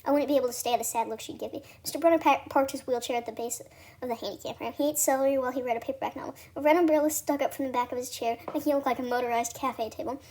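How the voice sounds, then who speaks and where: Woman reading an audiobook out loud, mellow voice, trips over words now and then. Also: sits high, fairly even intonation, racing. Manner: unpolished reading with stumbles and restarts. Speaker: audiobook narrator. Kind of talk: first-person audiobook narration.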